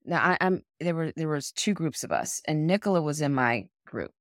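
A woman in her forties, co-hosting a podcast and telling a story in a frank, animated way, acting out what others said. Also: low voice, normal speed, no echo, studio quality. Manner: animated, acts out other people's words; frank, swears casually. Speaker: podcast co-host. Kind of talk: casual storytelling.

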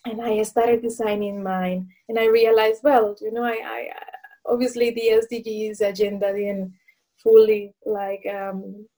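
A woman, answering interview questions thoughtfully and pausing to search for words. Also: mid-range voice, little pitch movement, dark tone. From Colombia. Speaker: guest.

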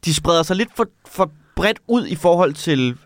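A man in casual podcast chat, making wry, deadpan jokes. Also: fairly high pitch, dry recording, studio quality.

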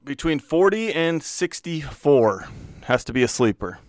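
A man at an ordinary pitch hosts a loose podcast chat, swinging his voice up and down with plenty of life. He is crude and joking, and he calls on each friend in turn. His sound is close and dry, with no room around it. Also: sing-song, unhurried, no echo. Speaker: podcast host. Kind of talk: casual chat.

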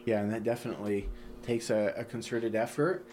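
A man's voice: fairly low pitch, brisk, darkish tone, a little hiss or hum. A man hosting a spiritual discussion, explaining ideas earnestly and leaning on "you know".

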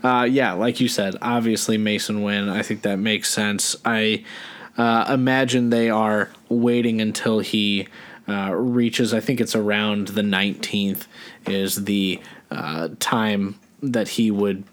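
A man's voice: on the low side, fairly even intonation, slow pace. A man co-hosting a podcast, talking sports in a rambling, casual way with lots of fillers and restarts. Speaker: podcast co-host.

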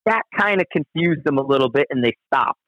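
A man with a slightly raised pitch tells a rambling, profane anecdote in loose conversational style, often restarting his sentences. The recording is dull and dry, with no room sound. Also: expressive, brisk, no echo. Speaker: guest storyteller. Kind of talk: casual spoken anecdote.

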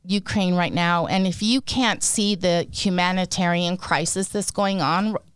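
A woman's voice: on the low side, unhurried, smooth, no echo. A woman co-hosting a podcast, talking in an earnest, emotional and emphatic way about showing up for others. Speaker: podcast co-host. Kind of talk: heartfelt casual podcast talk.

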